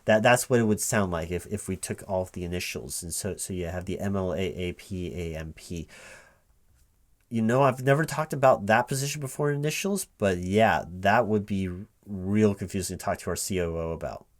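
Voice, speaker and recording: Over the sound of keyboard typing, a man with a low-pitched voice plays a recruiting manager in a one-sided ASMR job interview roleplay. He halts and repeats himself, as though puzzled.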